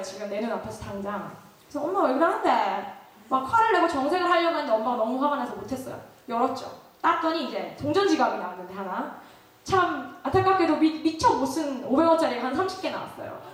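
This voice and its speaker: Young woman, sermon, high lively voice, heavy echo, distant mic. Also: fast. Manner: animated storytelling with laughter and questions to the audience. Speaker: speaker. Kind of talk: sermon with personal story. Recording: very echoey hall, distant mic.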